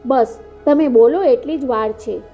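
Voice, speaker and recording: A woman's voice: sits high, a little slow. Wealthy broken father, as a woman reads him. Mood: pleading. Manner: soft, restrained delivery. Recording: dull lo-fi with faint music.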